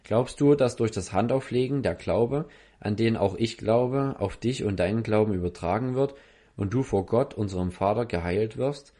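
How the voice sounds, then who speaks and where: Earnest preacher man, low mellow voice. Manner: earnest, questioning the listener directly; speaks in short halting phrases. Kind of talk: healing-service sermon.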